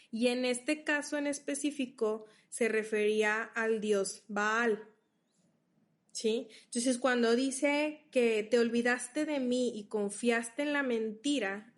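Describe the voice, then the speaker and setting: Slow, patient woman teaching scripture. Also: on the high side. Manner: explains patiently, reads verses aloud, checks in with listeners. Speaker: Bible study teacher. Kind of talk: Bible study teaching.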